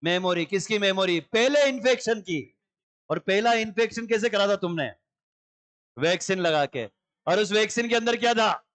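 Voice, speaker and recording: A young man lecturing a biology class in a lively, teasing way, acting out cells in little skits. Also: high voice, moderate pace. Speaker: biology teacher.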